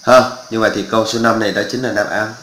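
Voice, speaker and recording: A man's voice: on the low side, flat delivery, fast talker, a bit bright, roomy sound, poor audio. A male math teacher, walking through exam answers step by step and often checking that students follow. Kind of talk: exam walkthrough lesson.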